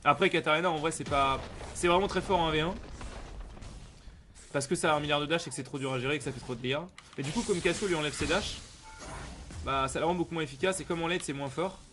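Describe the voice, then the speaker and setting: A man's voice: on the high side, quick pace. A man streaming a video game with casual, rambling commentary full of gamer slang and repetition. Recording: clear background noise.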